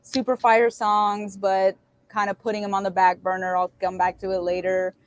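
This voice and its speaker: A woman's voice: medium pitch, level tone, moderate pace, no room sound. A woman musician being interviewed, talking in a chatty, upbeat way. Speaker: musician guest. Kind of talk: casual chat.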